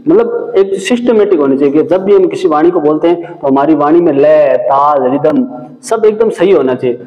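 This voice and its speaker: A man with a fairly high voice gives a classroom lecture, repeating himself and pausing to check in with his students. The sound is dull and lo-fi, with a long, roomy echo of a hall behind him. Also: animated. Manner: repeats and explains points, frequent "ठीक है" check-ins. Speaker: teacher.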